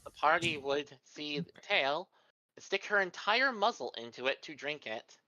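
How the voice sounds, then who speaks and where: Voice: mid-range voice, animated, unhurried, pushed and bright, slight background noise, rough recording. A player narrating and speaking in character in a tabletop game, formal and cheeky. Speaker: tabletop role-play player. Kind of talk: in-character role-play with narration.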